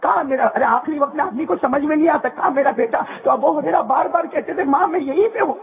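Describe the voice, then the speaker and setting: A man preaching an emotional storytelling sermon, fervent and repetitive, often rising to shouts and calling on his listeners to answer. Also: extremely high pitch, creaky. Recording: tinny, phone-like sound.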